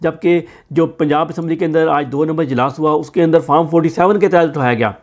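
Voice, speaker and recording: A man with a Pakistani Urdu accent runs his own political news commentary. His voice sits fairly high. He talks with a sarcastic, mocking edge. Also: fast talker, darkish tone.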